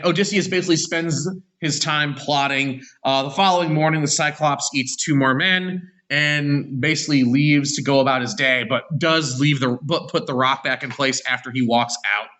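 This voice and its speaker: A man's voice: on the high side, sharp tone. A man teaching an online class, retelling a story in an unscripted way with frequent "uh" and "um" fillers and self-corrections.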